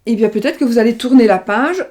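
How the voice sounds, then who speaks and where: A woman's voice: fairly high pitch, fast, darkish tone. A middle-aged woman giving a casual tarot reading, talking in a rambling way with many fillers and restarts. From France. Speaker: tarot card reader. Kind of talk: casual card-reading livestream. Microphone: webcam or desk mic, video call style.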